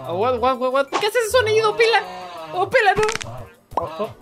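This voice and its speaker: A woman doing excited reaction commentary, full of gasps and exclamations. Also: very high voice, moderate pace. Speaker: reaction video host. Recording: background music under the voice.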